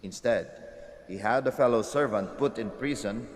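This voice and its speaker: A man's voice: medium pitch, normal speed, a little hiss or hum. A man solemnly proclaiming the Gospel reading at Mass, with his voice ringing in a cathedral echo. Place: large church. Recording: long church hall reverb.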